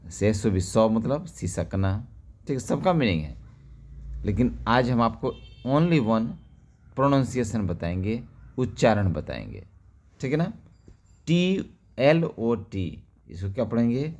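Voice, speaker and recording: A man's voice: on the low side, sing-song, unhurried, darkish tone. A man teaching English reading in a lesson. He spells each word letter by letter, asks what it reads as, and then answers himself. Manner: asks the listener questions, then answers them. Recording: dull lo-fi recording.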